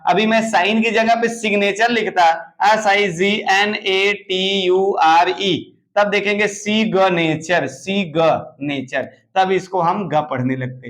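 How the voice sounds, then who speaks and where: A male teacher explaining pronunciation rules, repeating each example word slowly and asking the class questions. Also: high-pitched, fairly bright tone. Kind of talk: classroom lesson on silent letters.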